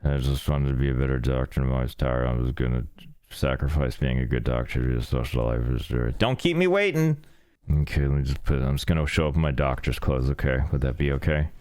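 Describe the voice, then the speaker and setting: A man voicing a weary young doctor in a game, mumbling low and apologetically. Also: lively intonation, fast, a little mellow, smooth, no echo.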